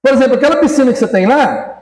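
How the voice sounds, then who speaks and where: A man's voice: extremely high pitch, lively intonation, racing, a little mellow, roomy sound, distant mic, rough recording. A man preaching a casual sermon, joking and acting out little dialogues as he calls on people in the congregation by name. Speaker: pastor.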